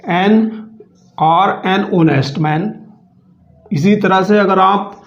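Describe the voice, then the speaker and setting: High-voiced man teaching grammar, echoey. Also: vocal fry. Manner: patient, repeats slowly, calls viewers friends. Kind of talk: grammar lesson. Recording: echoey room, dull lo-fi sound.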